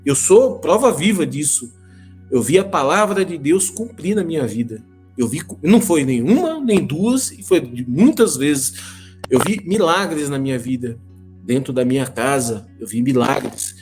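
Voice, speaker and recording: A man, calling into a live stream and giving a halting, repetitive, earnest testimony. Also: on the high side, lively intonation, a little mellow, faint music behind. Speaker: caller from a congregation.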